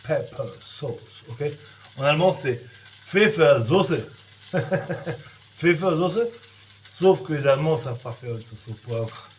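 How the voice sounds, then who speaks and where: A man's voice: mid-range voice, fairly quick, a little mellow, slight background noise. A man from France giving a casual cooking demonstration in a kitchen, chatty and full of little verbal tics and sound effects. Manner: chatty, lots of "hein" and "voilà", sound effects. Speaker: cooking teacher. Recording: echoey kitchen, sizzling pan. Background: frying and sizzling.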